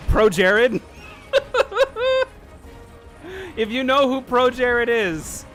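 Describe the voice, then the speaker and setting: A man hosting a casual gaming chat while playing, animated and rambling, laughing often. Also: very high-pitched, slow pace. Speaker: gaming channel host. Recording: faint game music behind.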